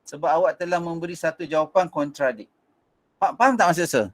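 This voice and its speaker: A man's voice: a little high, brisk. A Malaysian man teaching an online physics revision class, mixing in English, with frequent fillers and restarts.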